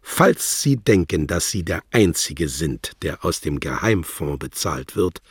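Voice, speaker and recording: A man voicing a scornful, threatening embassy secretary with a guttural, rasping snarl. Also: rumbling low, expressive, measured pace, no echo, studio quality, exaggerated voice. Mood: mocking threat. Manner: mocking, threatening, condescending. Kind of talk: audiobook character voice.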